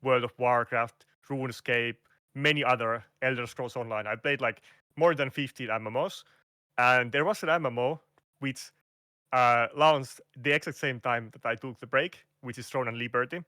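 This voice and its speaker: Over a call, a guest content creator with a Finnish accent gives a casual interview at a moderate pace, his mid-range voice bright and forceful. He keeps searching for words, restarting, and using fillers, with non-native phrasing. The recording is close and dry, with no echo.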